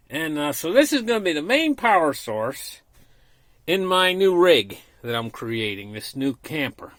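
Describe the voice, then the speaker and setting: Bright, animated high-voiced man inside a small trailer. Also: dry recording. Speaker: vlogger presenting a product unboxing. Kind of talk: casual unscripted product walkthrough.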